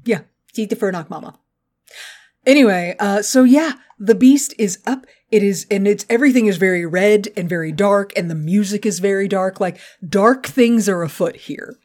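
Woman, podcast co-host, casual recap chat, animated, profane, mid pitch. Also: moderate pace.

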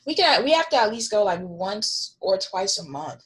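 A woman's voice: mid-range voice, sing-song, moderate pace. A young woman in casual chat, talking in slang like a keen sports fan.

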